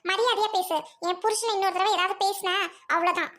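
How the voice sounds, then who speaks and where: A woman voicing a loud, scheming young bride who scolds and wails in a family skit. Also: steady tone. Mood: scolding. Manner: shrill, scolding, quick to wail. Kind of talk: Tamil family skit acting.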